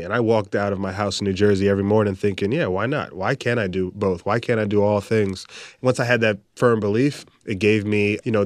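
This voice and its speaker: A young Bahamian man, newly qualified as a doctor, answers interview questions as a guest in an earnest, articulate way, restarting now and then. His voice is on the low side, and the studio recording is clean with no echo.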